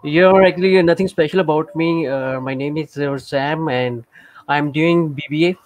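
Casting: man, slightly higher voice, dry close sound, hesitant, filler-heavy, video-call mic. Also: moderate pace, darkish tone, dry recording. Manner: hesitant, many uh fillers, non-native grammar. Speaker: student participant. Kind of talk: casual online class chat.

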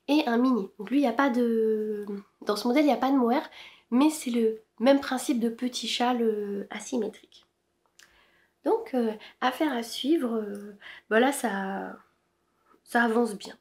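A woman's voice: on the high side, darkish tone. A woman chatting casually about her knitting to camera, hesitant with many fillers. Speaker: knitting podcaster. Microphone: camera-mounted shotgun mic.

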